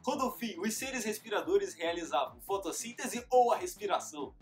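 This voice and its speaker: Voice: mid-range voice, expressive, normal speed, soft background music. A teacher host giving a playful scripted lesson in the manner of a children's show presenter.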